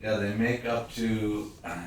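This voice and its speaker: A man hosts a relaxed couch conversation, rambling between jokes and slow deadpan asides. His voice sits low. The mic is far off in an echoey room, with a steady hiss underneath. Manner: joking, rambling, drops into slow deadpan bits. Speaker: host, camp staff member. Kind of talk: casual podcast chat. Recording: roomy, distant mic with background noise.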